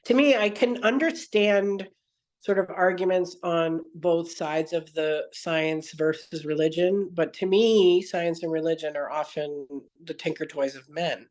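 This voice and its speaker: Telling her story in a conversational podcast interview, this woman speaks unhurriedly in a lowish, darkish voice. She is sincere and tends to digress, often stopping mid-sentence to fix what she said, and goes on at length.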